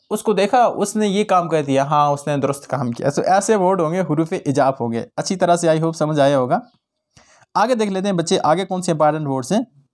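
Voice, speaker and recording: A man's voice: high voice, darkish tone. A man teaching a grammar lesson to students, explaining terms and acting out short example phrases, mixing in English words. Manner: explains in Hindi-Urdu mixed with English words; acts out short example exclamations.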